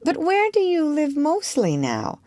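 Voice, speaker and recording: Wendy, an eager and well-mannered young girl, as a woman reader puts her on in a storybook. She sounds wide-eyed and excitable, her voice high and rising with lively swoops. The recording is dry and close. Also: a little slow, no echo, full character voice. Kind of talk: audiobook character reading.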